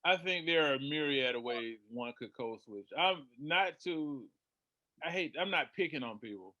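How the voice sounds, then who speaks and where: A man speaking as a panel guest in casual discussion, measured and opinionated. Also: fairly high pitch, lively intonation, sharp tone, no echo, muffled recording.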